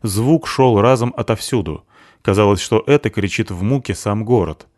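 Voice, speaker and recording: A man reading a novel aloud as a steady audiobook narrator. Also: on the low side, normal speed, no room sound, clean studio sound.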